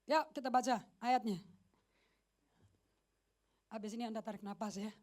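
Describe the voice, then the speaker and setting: A woman pastor giving a lively, joking sermon at a church service, slipping in English phrases and often asking the congregation questions. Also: fairly high pitch, moderate pace. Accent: Indonesian. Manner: animated, mixes English phrases, jokes with the congregation.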